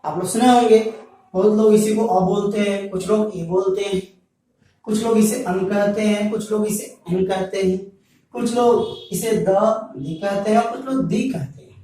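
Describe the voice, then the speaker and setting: A man's voice: high voice, steady tone, moderate pace, dark tone. A male English teacher giving a grammar lecture to students, repeating each point and addressing them directly. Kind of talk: Hindi-language grammar lecture. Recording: very echoey room, far from the mic.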